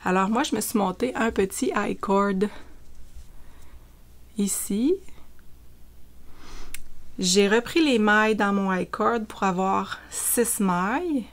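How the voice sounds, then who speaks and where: A woman's voice: mid-range voice, slow, pauses often. A woman with a Quebec French accent, casually chatting through a knitting vlog with frequent fillers. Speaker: knitting vlogger. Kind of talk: casual show-and-tell chat.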